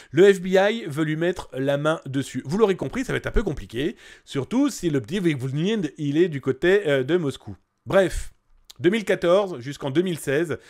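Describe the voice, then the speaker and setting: Chatty, jokey man hosting a livestream. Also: fairly high pitch. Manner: chatty and jokey, greets viewers by name; lively, swings between bursts and quiet asides. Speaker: host of a live cybersecurity news stream. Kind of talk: casual livestream chat, reading viewer comments aloud.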